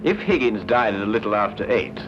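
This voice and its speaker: An actor playing a brisk, witty Victorian detective who lays out deductions in a cool, teasing, precise way. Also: male voice, lowish voice, animated, natural voice. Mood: calm. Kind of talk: 1950s TV drama acting. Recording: dull 1950s TV soundtrack with music.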